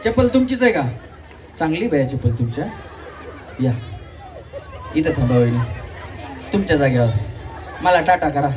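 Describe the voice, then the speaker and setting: Teasing high-voiced male game show host. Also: lively intonation, normal speed, pauses often. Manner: teasing, playful, shouts rhythmic game calls. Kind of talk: live game show hosting, jokey banter. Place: community event stage with audience. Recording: distant mic, faint crowd and noise.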